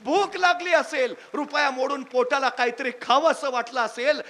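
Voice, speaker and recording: A man's voice: extremely high pitch, fairly even intonation, moderate pace, bright, forceful tone. A man giving a public lecture, telling a moving story with dramatic rises into impassioned peaks. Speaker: public speaker. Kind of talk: Marathi oratory lecture with storytelling.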